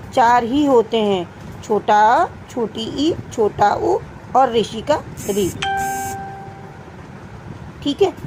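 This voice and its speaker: Young female teacher, high pitch, patient question-and-answer style with children, faint background noise. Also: darkish tone, poor audio. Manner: asks students questions and answers them herself; addresses students as "beta". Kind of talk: Hindi grammar lesson for children.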